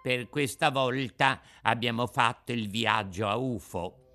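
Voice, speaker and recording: A man's voice: mid-range voice, a little slow, sharp tone, soft background music. A man doing a grim undertaker rabbit. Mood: ominous.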